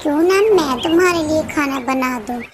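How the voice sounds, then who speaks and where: A thieving female crow from a cartoon, voiced by a woman, high and sly, turning to shrill begging. Noise hisses behind the voice. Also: natural voice.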